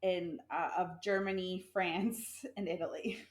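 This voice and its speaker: A woman's voice: lowish voice, fairly even intonation, unhurried, echoey room. A pregnant woman co-hosting a podcast, casually retelling a fairy tale in a chatty, giggly way and correcting herself as she goes. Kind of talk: casual chat.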